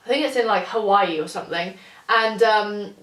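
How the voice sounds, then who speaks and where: A woman's voice: medium pitch, moderate pace, fairly bright tone. Young woman, chatty vlogger, sweary, roomy sound, mic far off, faint music. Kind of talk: casual chat to camera.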